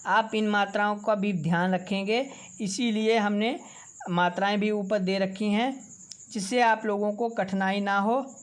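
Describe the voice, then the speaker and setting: Woman, video teacher, unhurried drill-style syllable reading, mid-pitched. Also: steady tone. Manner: calls listeners "friends", drawn-out syllables. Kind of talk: slow syllable-by-syllable reading lesson.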